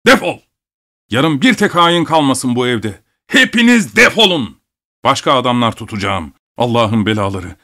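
A man voicing a hot-tempered rich nobleman who yells in a shrill voice. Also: expressive, normal speed, hardly any pauses, natural voice. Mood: commanding. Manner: shouting, outraged.

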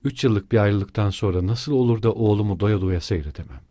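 A man's voice: on the low side, a little fast, warm tone, no room sound, lightly acted. A man voicing an anxious, tearful middle-aged mother who speaks timidly and pleadingly.

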